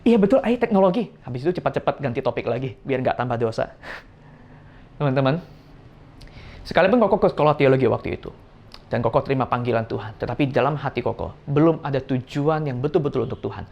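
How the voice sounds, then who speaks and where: Lively young man preaching to children. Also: mid-range voice, quick pace, creaky. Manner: lively, playful storytelling with acted voices. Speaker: Sunday school preacher. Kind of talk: children's sermon.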